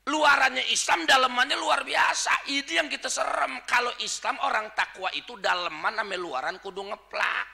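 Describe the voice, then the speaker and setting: Betawi male preacher, high, sharp bright tone, humorous sermon with loud bursts. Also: normal speed, creaky, few pauses. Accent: Betawi Jakarta. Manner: jokey, swings between quiet asides and shouted points. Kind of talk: Sunday dawn sermon.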